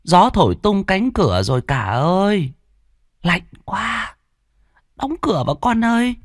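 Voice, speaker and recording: A man voicing a frail, sick old mother who pleads for help in a thin, quavering falsetto. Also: very animated, measured pace, dry recording, studio quality. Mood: pleading. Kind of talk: storytelling.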